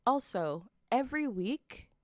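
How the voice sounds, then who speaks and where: Woman streamer, casual read-aloud commentary, slow delivery, dry close-miked sound. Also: on the high side, sing-song, no echo. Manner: unhurried, reacts with disbelief and exclamations.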